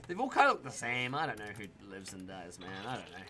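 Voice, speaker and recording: This young gaming YouTuber from Tasmania, Australia, is a fast talker with a voice on the low side. He gives relaxed commentary over his own gameplay, talking to himself and the players and swearing mildly at times.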